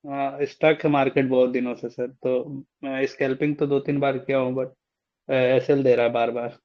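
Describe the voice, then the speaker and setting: A man's voice: medium pitch, little pitch movement, moderate pace, highs cut off. A man calling in to ask a mentor about trades, polite and deferential, saying sir again and again. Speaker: caller. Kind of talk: casual chat.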